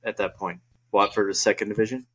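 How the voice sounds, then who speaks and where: A man hosting a podcast, asking questions in a casual, halting way with many restarts. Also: lowish voice, steady tone, a bit bright. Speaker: podcast host. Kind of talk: casual interview.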